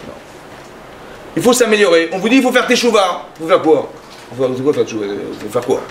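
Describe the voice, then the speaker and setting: A man giving a lively sermon as a rabbi, acting out little dialogues in his talk. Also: quick pace, a little hiss or hum. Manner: animated, acts out dialogues with rising pitch.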